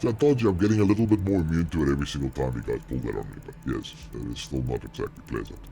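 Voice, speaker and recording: Speaking at a racing pace with a mellow tone and a little hiss or hum, a man gives live commentary on a horror game. A deep, gravelly demonic voice changer alters his voice as he swears, reacts to jump scares and addresses his chat.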